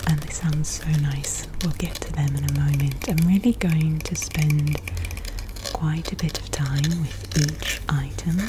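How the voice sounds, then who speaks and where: A woman whispers in a gentle ASMR style, close to the microphone. Her voice sits low and she takes her words very slowly. A clear, steady hum of air conditioning runs behind her. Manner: soft, gentle, unhurried whisper. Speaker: ASMR video host. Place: indoor room with air conditioner running. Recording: clear steady background noise. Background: air conditioner noise, tapping and clicking of handled objects.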